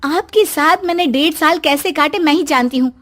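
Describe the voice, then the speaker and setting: A woman voicing a sharp-tongued young daughter-in-law in a cartoon story, scolding and impatient. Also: high voice, normal speed.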